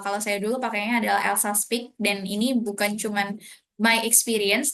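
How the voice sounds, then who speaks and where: A woman tutor with an Indonesian accent talks through an online lesson. She explains patiently in a mix of Indonesian and English. Her voice sits at an ordinary middle pitch. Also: fairly bright tone.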